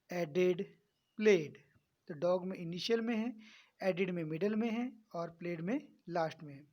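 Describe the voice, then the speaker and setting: A man's voice: high-pitched, darkish tone. A man teaching a spoken English lesson, addressing his students kindly and repeating each sound firmly to drill it.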